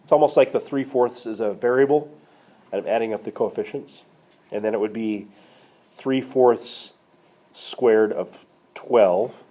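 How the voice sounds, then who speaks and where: A man's voice: medium pitch, a little slow, pauses often, dark tone. A man teaching a math class, walking students through a problem and checking in with them, with a cough now and then. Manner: checks in with students, asks questions. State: coughing, slightly hoarse. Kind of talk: classroom lecture screencast. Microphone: tablet screencast mic.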